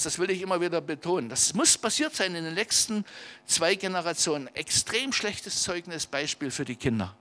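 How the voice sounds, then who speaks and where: Male pastor, sermon, high and bright, emphatic and direct with the congregation. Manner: lively, emphatic preaching that often turns to the audience with direct questions. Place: church service in a meeting centre.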